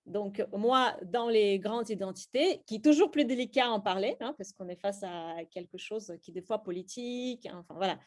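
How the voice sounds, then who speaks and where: Speaking at normal speed with few pauses, a woman with a medium-pitched voice runs a slam poetry workshop. Middle-aged and from Russia, she has a Russian accent and describes her writing with plenty of hesitant fillers and restarts.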